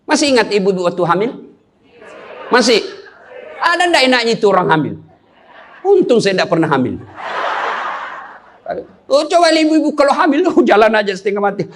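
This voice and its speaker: A man's voice: high-pitched, very animated, normal speed, pauses often, slight background noise. A man giving a humorous sermon, joking and teasing his listeners with questions. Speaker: Islamic preacher.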